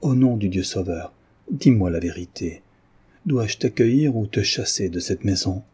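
A stern old father, grave and devout, speaks in a severe, solemn tone, as a male narrator plays him. The voice is low, dark and husky. It is his own reading voice with little change, in a dramatic storybook. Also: animated, moderate pace.

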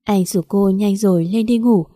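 A woman reads a story aloud in an even, measured way. Her voice is dark and mellow at a middle pitch, and the recording is dry and close with no room sound. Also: no echo. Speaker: story narrator. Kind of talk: scripted story narration.

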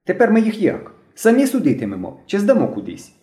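A wiry, overexcited boy barks orders in a high, strained voice, as a man reads him aloud. He is a bossy little squad leader who never stops shouting, heard in a storybook recording with a roomy echo. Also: sing-song, normal speed. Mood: eager. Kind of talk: audiobook reading.

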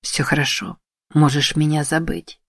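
A woman voicing a dying male fox spirit who speaks faintly, with breathy tenderness. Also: low voice, steady tone, normal speed, no echo, studio quality. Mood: faint tender. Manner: soft, tender, fading.

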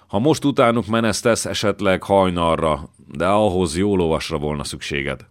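Gruff army count, low voice, blunt, practical, read by a male narrator. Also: close to an everyday voice. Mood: matter-of-fact. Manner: blunt and brisk.

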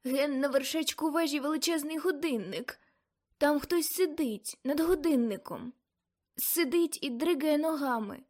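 A woman narrator puts on an elderly aunt swept up in a storybook vision. She sounds high and strained and cries out in breathless bursts. Her voice gets louder as the fear builds. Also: slow. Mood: frightened. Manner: breathless, exclaiming, rising to cries. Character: elderly aunt, a seer lost in a frantic vision.

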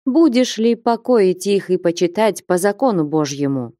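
A woman playing a stern, warm-hearted elderly merchant father who talks solemnly and emphatically, in an audiobook. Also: lowish voice, lively intonation, normal speed, no echo, studio quality, lightly acted. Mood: fatherly.

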